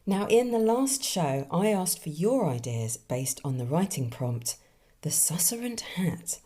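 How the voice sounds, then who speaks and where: A woman hosting a writing podcast, musing enthusiastically over listener submissions with soft asides. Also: on the low side, big pitch swings, unhurried. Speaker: podcast host and fantasy author. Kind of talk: reading listener submissions and commenting.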